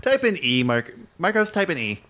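A man's voice: sits high, big pitch swings, normal speed, a bit bright. A man making short, casual interjections in group banter.

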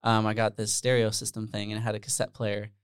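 A Netherlands-born man talks in a loose, easygoing way, full of ums and trailing tangents. His voice sits low and sounds smooth and clear. The recording is close and dry. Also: fast talker, dry recording. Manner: relaxed, rambling with many fillers. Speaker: podcast guest, musician. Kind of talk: casual interview chat.

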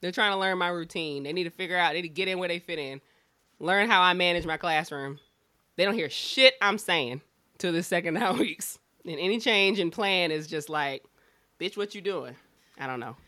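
A woman's voice: fairly low pitch, brisk, bright, forceful tone, no echo, studio quality. A woman with a Southern US accent and drawl, talking bluntly and emphatically and swearing freely in a candid podcast chat. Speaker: schoolteacher.

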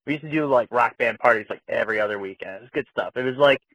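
A man's voice comes through a phone voicemail played back on the show, dry and close with no room sound. He talks in a laid-back, slangy way, and his pitch sits in an ordinary middle range for a man. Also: fast talker, fairly bright tone, dry recording, highs cut off. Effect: phone voicemail played back on air. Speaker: caller leaving a voicemail. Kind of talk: casual call-in message.

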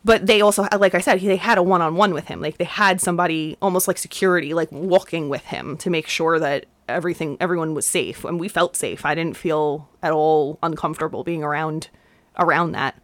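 This is a young woman co-hosting a casual podcast, sincere and a little rambling, with frequent false starts. Her voice sits a bit low, and the sound is dry and close with no room echo. She pushes higher and louder when she stresses a point. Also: fairly even intonation, a little fast. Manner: earnest, rambling with frequent restarts. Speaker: podcast co-host.

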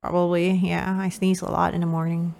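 Giggly low-voiced woman co-host. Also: flat delivery, fairly quick, creaky, darkish tone. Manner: giggly, laughs often. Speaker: podcast co-host. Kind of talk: casual chat.

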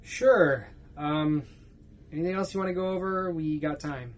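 A woman's voice: low voice, moderate pace. An actress playing a hesitant, polite woman sound technician who hedges with many ums. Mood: worried. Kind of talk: audio drama.

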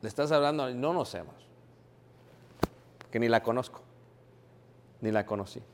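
A man's voice: medium pitch, moderate pace, long reverb tail, slight background noise. A man preaching a sermon in a church, asking his congregation questions, answering them himself, and calling them brothers.

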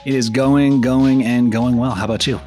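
A man's voice: medium pitch, fairly even intonation, moderate pace, darkish tone, faint music behind. A young man born in the Philippines and raised in Oregon, co-hosting a casual podcast chat and rambling freely with fillers. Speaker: co-host.

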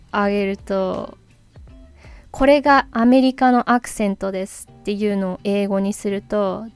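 Unhurried woman teaching English sounds. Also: mid-range voice, creaky, darkish tone, clear, resonant tone. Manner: repeats English phrases slowly, then at normal speed. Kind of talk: podcast lesson on English linking.

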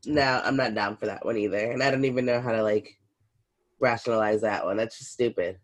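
A woman's voice: very deep voice, steady tone, a little fast. A woman co-hosting a casual podcast, reacting frankly with disgust and swearing freely. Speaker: podcast co-host. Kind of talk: casual chat.

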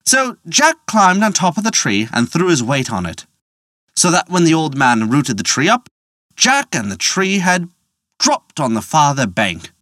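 Lively folk-tale narrator, wide melodic range, playful, dry sound. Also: medium pitch, a little slow, no room sound. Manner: lively, playful with wry asides. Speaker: storyteller.

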